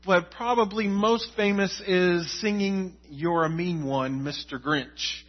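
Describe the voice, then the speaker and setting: A man's voice: high-pitched, slow, lo-fi sound. A pastor preaching a sermon in a conversational way, repeating words to stress his points.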